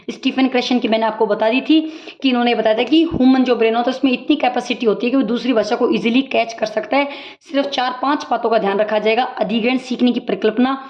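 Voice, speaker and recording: A woman teacher giving a brisk exam-prep recap lecture, explaining points with everyday examples. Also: a little high. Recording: dull lo-fi audio.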